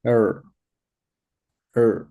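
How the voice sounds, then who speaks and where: A man's voice: extremely slow, narrow, tinny audio. A man answering as a student in an English lesson, giving short hesitant replies and repeating sounds.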